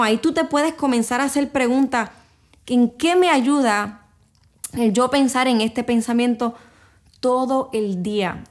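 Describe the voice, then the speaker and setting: A woman with a fairly high voice gives a motivational self-help talk on her podcast. She speaks directly to the listener, walking through everyday examples.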